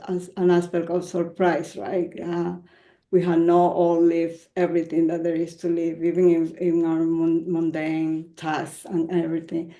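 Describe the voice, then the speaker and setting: Slow, gravelly woman poet from Ecuador. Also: on the low side, warm tone, echoey room. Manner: hesitant, many fillers and laughs. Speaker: featured poet. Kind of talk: panel discussion answer.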